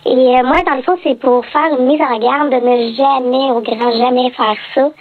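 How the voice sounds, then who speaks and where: A woman's voice: sits high, fairly even intonation, slight background noise. A woman, her voice disguised electronically, telling her own story as an anonymous radio guest in a hesitant, serious way. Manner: hesitant, many pauses and fillers, serious. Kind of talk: telling a personal story on air. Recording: dry, phone-like line.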